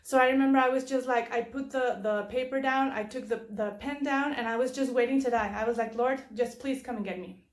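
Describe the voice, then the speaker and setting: Woman, casual testimony talk, rambling with restarts, slightly high voice, roomy echo. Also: steady tone, fairly quick, hardly any pauses. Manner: rambling storytelling with many restarts.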